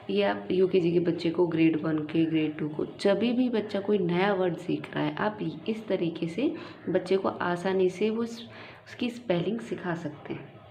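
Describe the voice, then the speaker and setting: A woman teacher explaining to parents how to teach a child spelling, slowly sounding words out letter by letter. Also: fairly low pitch, creaky, dark tone. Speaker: teacher and channel host. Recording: muffled, echoey room with faint hiss.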